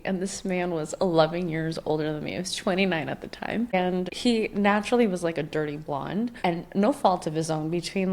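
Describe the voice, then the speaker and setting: A woman's voice: fairly low pitch, a little mellow. Chatty woman in her thirties, rambling. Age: 30s. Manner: rambling, filler-heavy, with frequent "like". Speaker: podcast host. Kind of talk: casual chatty monologue.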